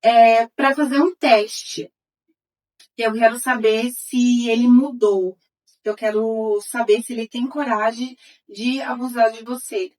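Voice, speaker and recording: A woman's voice: a little high, steady tone, takes it slowly, low-quality recording. Earnest woman recounting a painful past. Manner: earnest, voice swinging between hushed and raised. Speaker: interview guest. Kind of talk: emotional personal testimony.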